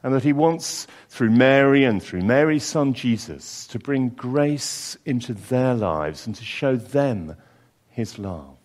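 A male preacher delivers a sermon in an earnest, expressive way. His voice rises and falls in a lively, animated sweep, and he lingers on key words with pauses and repeated phrases. His pitch sits in a mid range for a man.

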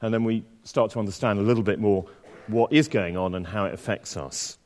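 A man delivers a sermon and reads from scripture in a church, the sound trailing off in long reverb. His voice is on the low side, slightly croaky and darkish, and he moves briskly, chatting self-deprecatingly with lots of fillers and restarts.

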